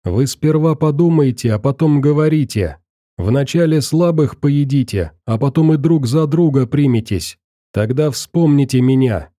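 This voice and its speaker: A man's voice: medium pitch, lively intonation, moderate pace, dark tone, no room sound, studio quality, lightly acted. A man voicing an earnest young metro survivor who talks insistently to a group of captives, in an audiobook.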